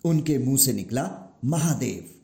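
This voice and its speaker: A man telling a mythological story in measured, expressive narration. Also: mid-range voice.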